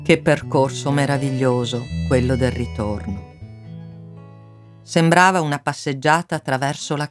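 A man narrating a story aloud, giving the characters their own voices. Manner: voices characters by raising pitch. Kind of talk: audiobook reading with character voices. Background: soft guitar music.

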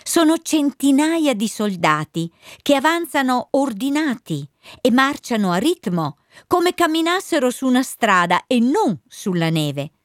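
Give me a calm, solemn woman narrator, lively in pitch, in a dry close sound. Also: measured pace, dry recording. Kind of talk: scripted narration over music.

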